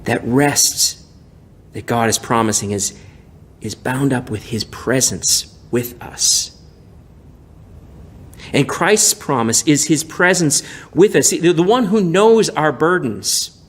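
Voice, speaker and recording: A male pastor giving a gentle, prayerful devotional message with frequent restarts. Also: mid-range voice, slow pace, slight background noise. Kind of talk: devotional sermon.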